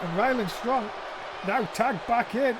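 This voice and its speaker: High-pitched, excitable male wrestling commentator. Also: a little slow. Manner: excitable, exclaiming at big moves. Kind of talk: live play-by-play wrestling commentary. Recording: noisy event audio with crowd behind. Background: crowd noise.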